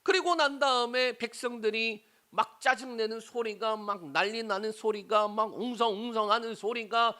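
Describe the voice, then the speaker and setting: A middle-aged male pastor preaching a sermon, animated and often prompting the congregation with rhetorical questions. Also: sits high, moderate pace, few pauses.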